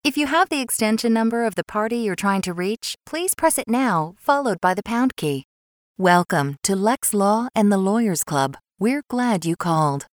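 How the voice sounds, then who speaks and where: A woman's voice: medium pitch, lively intonation, normal speed, no echo, clean studio sound. A woman reading automated phone menu greetings and prompts in a courteous, polished way.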